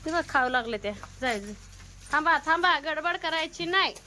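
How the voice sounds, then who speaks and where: A high-pitched, expressive woman talks at normal speed in a pushed, bright voice, with a little hiss or hum in the recording. She has a rural Maharashtrian Marathi accent and narrates her family vlog in a homely, colloquial way. It's a casual home video with chatty cooking narration.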